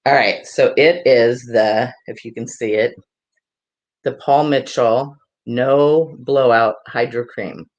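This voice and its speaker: A woman's voice: rumbling low, takes it slowly, a little mellow, dull audio. A woman hairdresser giving a live hair tutorial, chatting and laughing with viewers in a rambling way. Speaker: hairdresser and salon owner.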